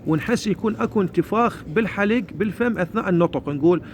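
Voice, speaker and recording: A man with an Iraqi Arabic accent and a fairly high voice teaches Quran recitation. He explains plainly and recites each verse slowly. There is a faint hiss of noise behind him. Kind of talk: spoken tajweed lesson.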